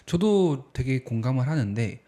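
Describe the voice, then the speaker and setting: A young man co-hosting a podcast in casual conversation, easygoing and quick to laugh. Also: mid-range voice, sing-song, warm tone. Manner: easygoing, laughs often, chimes in briefly. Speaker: podcast co-host. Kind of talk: casual discussion.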